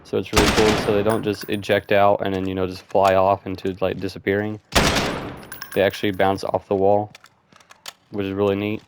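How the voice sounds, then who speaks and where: A man's voice: deep voice, completely flat delivery, a little fast, very noisy. A man giving casual, rambling gameplay commentary, thinking aloud with lots of fillers. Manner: rambling, loose, with frequent fillers like "and stuff".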